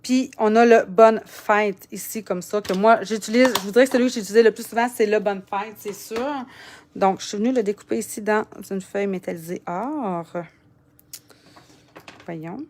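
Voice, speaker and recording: A woman's voice: mid-range voice, normal speed, darkish tone, slight background noise. A woman with a Quebec French accent giving a casual crafting tutorial, chatting and muttering to herself as she works. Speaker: papercraft demonstrator.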